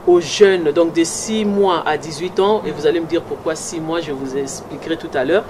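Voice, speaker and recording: A middle-aged Congolese woman, interviewed on the street as a pageant runner-up about her project, switches between French and Lingala at normal speed. Her Congolese French accent has a slight North American English tinge, and she's animated and emphatic, pitch jumping high when she insists, over loud traffic and passing vehicles.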